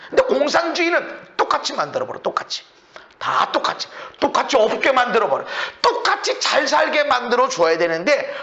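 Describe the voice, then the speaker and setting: Pastor, male, high gravelly voice, bright and tense, animated sermon delivery on a dull lo-fi recording. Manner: animated preaching, acts out complaints.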